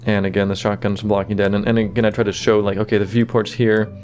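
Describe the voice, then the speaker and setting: A man giving casual behind-the-scenes commentary on his own animation, relaxed and full of fillers like "you know" and "kinda". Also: fairly low pitch, fast talker, soft background music.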